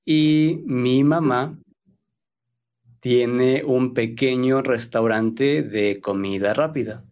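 Man, 30s, from Ecuador, Spanish teacher, slow careful answers, soft-spoken, mid pitch. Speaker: Spanish teacher, interview guest. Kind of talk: slow, careful conversation for learners.

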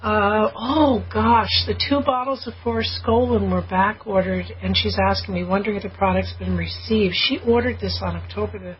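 A woman's voice: medium pitch, moderate pace, hardly any pauses, muffled recording, a little hiss or hum. Chatty woman in her forties reading letters. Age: 40s. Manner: chatty, reads letters aloud with fillers. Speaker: co-host reading listener questions. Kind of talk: casual on-air chat.

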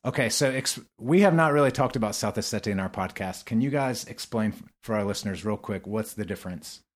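A man's voice: on the low side, a little fast. A man hosting a casual podcast interview in a chatty, encouraging way. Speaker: podcast host.

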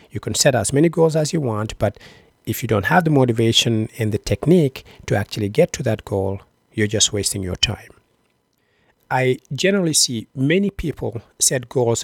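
Guy hosting a motivational podcast, reads it out deliberately, average pitch, super dry sound. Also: no echo. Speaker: podcast host. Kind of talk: scripted motivational talk.

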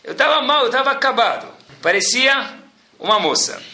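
A man's voice: very high-pitched, normal speed, vocal fry, roomy sound. A middle-aged man with a Brazilian Portuguese accent tells a story to an audience, calling out to his listeners with asides. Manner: animated, addresses listeners as "pessoal", adds asides.

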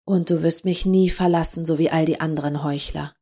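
A woman reading the part of an obsessed female forensic doctor in a crime story, speaking in a hushed murmur. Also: low-pitched, fairly even intonation, brisk.

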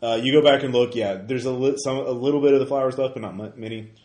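A man's voice: mid-range voice, steady tone, quick pace, a little mellow, reverberant. A man running a tabletop game as game master, talking loosely with restarts and laughs. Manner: loose, stumbling, laughs often.

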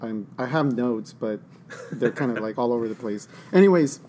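A man's voice: medium pitch, moderate pace, warm tone, slight background noise. A man joining a casual podcast chat, hesitant and self-deprecating with many ums. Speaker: podcast guest.

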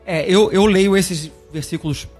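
A man hosts a relaxed discussion, thinking aloud and circling back over his points. His voice sits a bit high. Soft music plays faintly underneath. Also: unhurried. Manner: thinking aloud, repeats himself, conversational. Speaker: podcast host. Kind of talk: casual discussion of an esoteric text.

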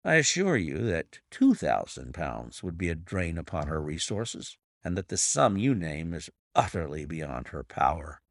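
A man's voice: deep voice, sing-song, a little slow, creaky, hardly any pauses, dry recording, clean studio sound, full character voice. A man voicing a firm, restrained detective. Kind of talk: audiobook character reading.

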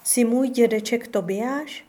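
A woman's voice: fairly high pitch, dark tone, close to an everyday voice. A woman reading as a pleading orphan boy. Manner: pleading, wistful. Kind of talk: storybook reading.

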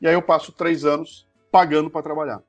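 A middle-aged man with a Brazilian Portuguese accent, a podcast creator telling his story in a casual, slangy, animated interview. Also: fairly high pitch, a little fast, highs cut off, soft background music.

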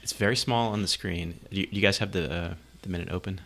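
Deep gravelly man, dry podcast chat. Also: fast, a bit bright. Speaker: podcast co-host. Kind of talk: casual chat.

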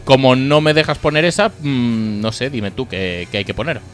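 A man's voice: medium pitch, moderate pace, a bit bright. A man from co-hosting a casual sports podcast, laughing easily and teasing his co-host in a rambling way.

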